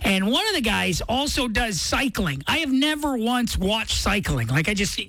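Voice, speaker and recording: Lively, higher-voiced woman radio host. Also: moderate pace, dry recording. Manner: conversational, enthusiastic. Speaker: radio morning show host. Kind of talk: casual radio chat.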